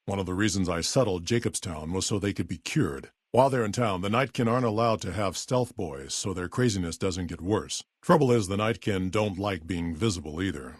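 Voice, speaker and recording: A male actor with a deep, gravelly, husky voice plays a weary, level-headed super mutant who leads a town, delivering video game voice lines. His manner is blunt, measured, and authoritative, the mood calm, and the studio-quality recording has no echo.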